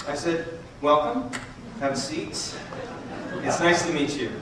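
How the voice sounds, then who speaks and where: Calm coaxing psychiatrist. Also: male voice, a little high, noisy background. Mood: calm probing. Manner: measured, coaxing questions. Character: calm smooth male psychiatrist. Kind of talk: stage musical acting. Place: large theater stage. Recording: distant echoey theater bootleg, live band.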